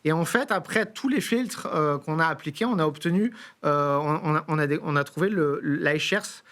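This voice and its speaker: A man with a fairly high voice walks through his reasoning in a studio interview. He explains things step by step, hesitating and restarting his phrases as he goes. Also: moderate pace, a bit bright. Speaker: invited investment expert.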